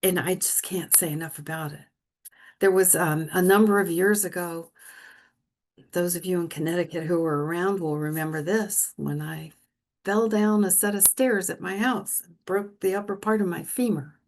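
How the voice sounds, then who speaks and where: A woman's voice: lowish voice, fairly even intonation, normal speed, a little mellow. A middle-aged woman minister giving a sermon in an earnest, conversational way, often restarting her sentences.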